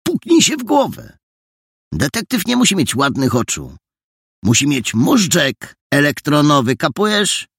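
A man voicing a brisk, self-assured boy detective who lectures his friends. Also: on the high side, wildly swooping pitch, fairly bright tone, breathy edge, no echo, clean studio sound, voice pushed up, full character voice. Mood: scoffing. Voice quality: bossy, lecturing.

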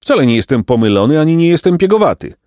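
A man voicing a cheeky, sharp-tongued male woodpecker in an audiobook, with quick, mocking retorts. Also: a little high, sing-song, dry recording, clean studio sound, pitched above the performer's own voice.

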